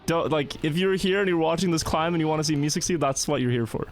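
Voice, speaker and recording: A man's voice: a little high, quick pace, a little hiss or hum. A man hosting a live gaming stream, chatting casually and often repeating words as he talks. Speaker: streamer host.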